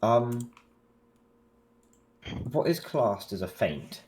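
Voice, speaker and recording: A man's voice: medium pitch, animated, very slow, darkish tone, a little hiss or hum. A man playing a tabletop game, asking hesitant questions into a desk microphone. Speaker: player.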